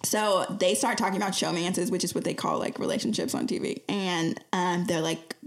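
Young female guest, chatty, filler-heavy storyteller, slightly low voice. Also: steady tone, fairly quick, vocal fry. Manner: chatty, lots of "like" fillers, laughs often. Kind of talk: casual storytelling.

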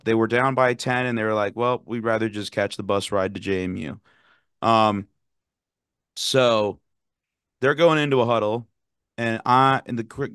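Young man, smooth casual sports talk. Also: mid-range voice, no echo, clean studio sound. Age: young adult. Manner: animated storytelling, rowdy student fan. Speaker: podcast co-host.

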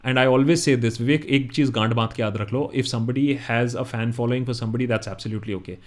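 An Indian-accented male host talks casually through audience questions. His delivery is conversational and moves between English and Hindi, at a medium pitch for a man. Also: steady tone, rapid-fire. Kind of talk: casual live audience Q&A talk.

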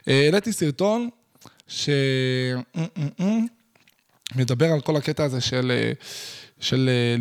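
A young man talking casually about self-help, blunt and animated, using crude slang and acting out his own inner dialogue. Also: on the high side. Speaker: podcast host.

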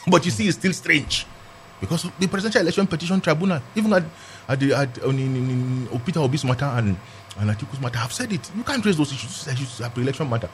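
A man with a Nigerian accent argues a legal point in a discussion. His delivery is quick and very lively in pitch, emphatic and argumentative, with key phrases repeated for stress. There is faint noise in the background. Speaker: legal commentator, guest. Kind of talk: animated political and legal discussion.

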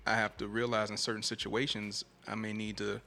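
Low, gravelly man. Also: level tone, fairly quick. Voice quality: soft-spoken. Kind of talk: casual reflective conversation.

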